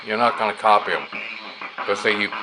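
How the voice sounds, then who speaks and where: An amateur radio hobbyist demonstrates a receiver in a casual, unscripted, hands-on way, explaining things and thinking aloud as he works. His fairly low voice is brisk, and the recording quality is low. Shortwave stations and radio static are clearly audible behind him.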